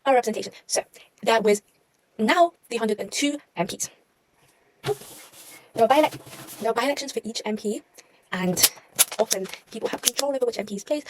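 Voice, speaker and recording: A woman's voice: a little high, moderate pace, long pauses, a little hiss or hum, low-quality recording. A young woman talking through her history revision notes in a casual, chatty way, often correcting herself and making wry asides. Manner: chatty, self-mocking, trails off and corrects herself.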